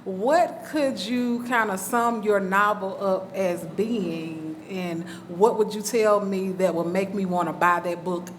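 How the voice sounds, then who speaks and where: A woman's voice: mid-range voice, a little hiss or hum. A woman moderating a book festival panel, enthusiastic and chatty, often checking in with the crowd. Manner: enthusiastic, cheers and asks the crowd "okay?".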